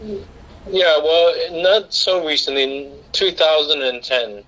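A man's voice: fairly high pitch, fairly even intonation, slow pace, bright, forceful tone, muffled recording. Earnest middle-aged man, long answers. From Singapore. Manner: earnest, talks at length with many restarts. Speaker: guest, director and writer. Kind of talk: radio interview answers.

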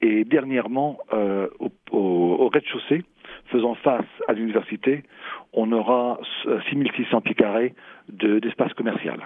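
A man in answers interview questions haltingly, searching for words and repeating himself. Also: medium pitch, dry recording. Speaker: property developer, executive interviewee. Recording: thin phone-like sound.

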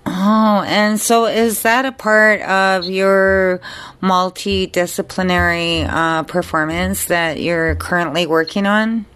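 A woman's voice: lowish voice, fairly even intonation, slow, fairly bright tone, clean tone. A woman hosting a community radio interview, asking questions hesitantly with many fillers. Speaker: radio host.

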